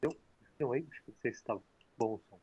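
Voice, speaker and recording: A man's voice: medium pitch, brisk, a little mellow, husky. A man teaching an online Bible study, his video-call audio choppy and breaking up as he hesitates and restarts phrases.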